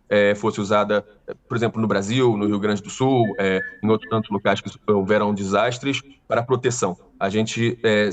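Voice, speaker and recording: A man with a carioca accent from Rio, a tour guide speaking in a remote news interview with many hesitant pauses. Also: lowish voice, distant mic. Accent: Carioca Brazilian Portuguese. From Rio de Janeiro, Brazil.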